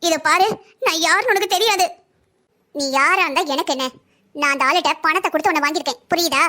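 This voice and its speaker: Figure: brothel madam, cartoon voiced by a woman. Sex: female. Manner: bossy, mocking, blunt. Pitch: very high, dropped a little from the performer's own voice. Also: fast, sharp tone. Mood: scornful. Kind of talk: cartoon story voice acting.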